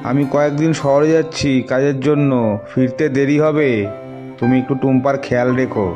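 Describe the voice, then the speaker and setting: A man voicing a soft-spoken village father in a cartoon story, gentle and placating. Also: mid-range voice, little pitch movement, brisk, dull audio, lightly acted. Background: music.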